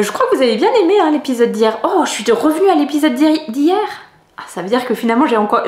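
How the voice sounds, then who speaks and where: A middle-aged woman from France chats casually to her viewers, her voice sitting a little high. She rambles with frequent hesitations and soft laughs. The sound carries a roomy echo, as in an ordinary home. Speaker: knitting vlogger. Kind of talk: casual chatty vlog.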